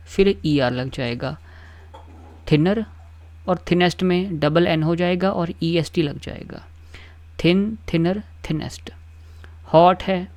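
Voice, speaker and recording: In a grammar lesson, a patient teacher with a mid-range pitch recites word lists in a steady rhythm, pausing often to check that the listener is following. The recording is dry, with no room sound.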